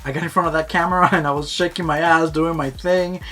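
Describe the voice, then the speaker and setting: Speaking fast with a fairly high pitch and fairly even intonation, a man voices over his vlog while loud music plays underneath. He sounds casual, upbeat and sincere, often mentioning trusting his heart.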